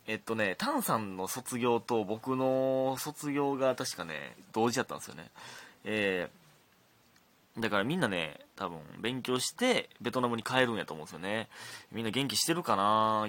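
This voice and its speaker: Chatty Kansai-accented man, low lively voice. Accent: Kansai Japanese. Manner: chatty, laughs often, drops to mutters and whispers. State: slightly hoarse throat. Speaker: podcast host reading listener letters. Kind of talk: casual solo chat.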